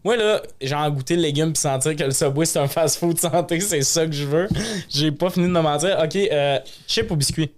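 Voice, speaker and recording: A man with a Quebec French accent co-hosting a podcast, joking and animated in casual chat. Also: on the high side, normal speed, few pauses. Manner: joking, animated, self-mocking. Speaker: podcast co-host.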